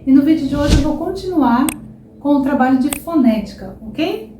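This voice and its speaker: A woman's voice: high-pitched, lively intonation, moderate pace. A young woman from São Paulo with a Paulista accent gives an online Portuguese pronunciation lesson and keeps checking in with "tá?" and "ok?". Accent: São Paulo Brazilian Portuguese. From São Paulo, Brazil. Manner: explanatory, often checks in with "tá?" and "ok?". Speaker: Portuguese teacher. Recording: echoey room, faint background hiss.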